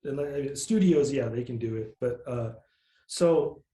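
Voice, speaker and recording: A musician guest with a nasal, mid-range voice talks slightly slowly in a casual interview, rambling easily and using lots of fillers. The room sounds echoey.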